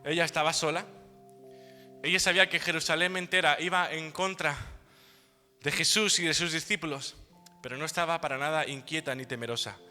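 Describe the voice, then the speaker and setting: Man, pastor, lively humorous sermon, piercing bright tone, reverberant hall, faint music underneath. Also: fairly high pitch, brisk. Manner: lively storytelling, with playful humor. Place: church hall.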